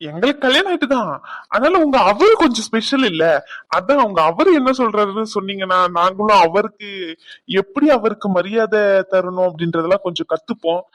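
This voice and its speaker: A man's voice: sits high, animated, a little fast, a bit bright, dry recording. A man voicing a playful young man in a cartoon who keeps mocking and teasing his friends. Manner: mocking, teasing, laughs often. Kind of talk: cartoon voice acting.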